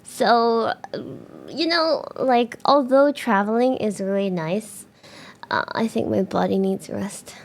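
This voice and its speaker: A young woman streamer speaks a little high and slowly while chatting casually with her viewers. Her talk rambles with fillers and restarts, broken up by bubbly bursts of excitement.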